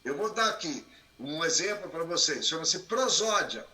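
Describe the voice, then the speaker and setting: Male speaker, high and very bright voice, expressive lecture delivery in an echoey room. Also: moderate pace. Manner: expressive, plays with rising and falling voice. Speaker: guest speaker. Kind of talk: animated lecture on a live stream.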